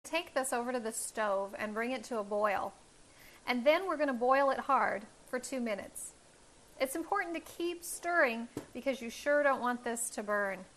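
Speaking at a normal speed, this woman has a voice on the high side with a fairly bright tone, and a little hiss or hum sits in the recording. She's in her thirties, presenting a cooking demonstration for her home show on a lapel mic in her kitchen, explaining every step warmly and clearly.

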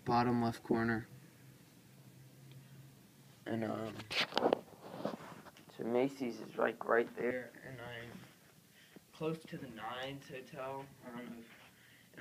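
A man's voice: medium pitch, flat delivery, unhurried, long pauses. Rambling young man, noisy phone recording. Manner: rambling, filler-heavy. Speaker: vlogger. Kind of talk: casual vlog chat.

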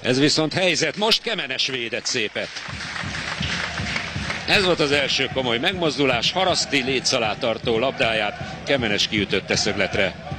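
Male football commentator, excitable live match delivery, medium pitch, audible stadium background noise. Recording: clear stadium noise behind.

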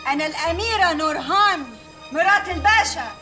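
A woman's voice: very high-pitched, brisk, music in the background. A woman playing a proud, imperious aristocratic princess who speaks in an affected way.

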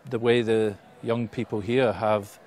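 A man's voice: on the low side, level tone, measured pace, a little mellow, a little hiss or hum. A middle-aged man, the school chaplain, speaking sincerely in an interview outdoors, with small restarts. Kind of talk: earnest interview testimony. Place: outdoors in front of greenery.

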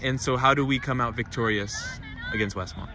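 A man's voice: medium pitch, brisk, a crowd in the background. A man interviewing players after a game on an outdoor field at night, asking long, rambling questions with many restarts. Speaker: sideline interviewer.

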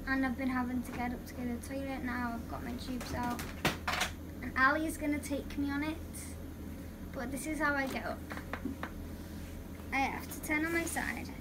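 A young woman, weak after surgery, speaking casually as a patient keeping a video diary from her hospital room. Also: high voice. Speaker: patient vlogger recovering from surgery. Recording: noisy hospital room recording.

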